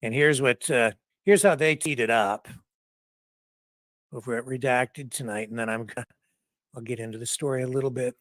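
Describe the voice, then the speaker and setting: A man's voice: medium pitch, fairly even intonation, moderate pace, pauses often, a bit bright, dry recording, clean studio sound. A man hosting a casual news livestream, rambling and chuckling while he searches for clips.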